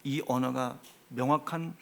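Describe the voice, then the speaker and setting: A man with a Chungcheong Korean accent preaching a sermon in a church, swinging from hushed asides to loud, emphatic exhortation. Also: mid-range voice, fairly even intonation, measured pace, vocal fry, a little hiss or hum. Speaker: pastor. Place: church sanctuary.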